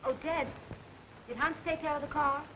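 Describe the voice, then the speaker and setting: An actress playing a frightened, pleading young heiress in early 1930s melodramatic film style, on a muffled, noisy old soundtrack. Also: female voice, sits high, fairly even intonation, moderate pace, lightly acted. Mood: polite.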